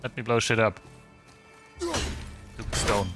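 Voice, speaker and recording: Male streamer, easygoing rambling commentary, mid pitch, faint game music underneath. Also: wildly swooping pitch, slow pace. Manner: chatty, rambling, swears casually, many restarts. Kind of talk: casual gaming commentary.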